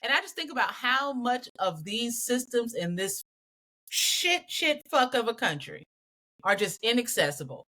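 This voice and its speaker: Podcast cohost lady, bright sharp voice, animated and fed up, ranting. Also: fairly high pitch, measured pace. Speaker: podcast co-host. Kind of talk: casual podcast chat.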